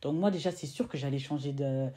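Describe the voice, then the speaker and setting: A young woman in her twenties tells a personal story straight to her viewers in a low, mellow voice. She slips into the voices of the people in her story and often circles back to repeat or restart a phrase. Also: brisk. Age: 20s. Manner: animated, acts out quoted exchanges. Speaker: vlogger. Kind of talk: casual storytime monologue.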